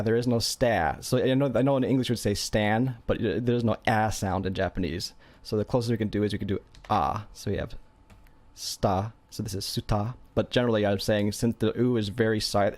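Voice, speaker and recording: A man's voice: lowish voice, a little mellow. A man explaining a language lesson over a shared screen, talking off the cuff with many fillers and restarts. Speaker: language teacher.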